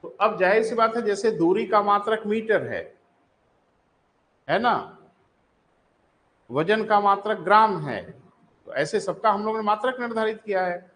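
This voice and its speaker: A man's voice: high voice, a little slow, long pauses, a bit bright, slight background noise, poor audio. A male geography teacher with a Hindi accent, giving a live online class. He calls students "beta" and asks and answers his own questions.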